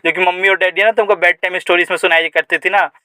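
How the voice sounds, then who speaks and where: A man voicing a middle-aged mother who fusses over her son, high and emotional. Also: level tone, quick pace, pushed and bright, clean tone, no echo. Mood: fussing. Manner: worried, fussy, emotional.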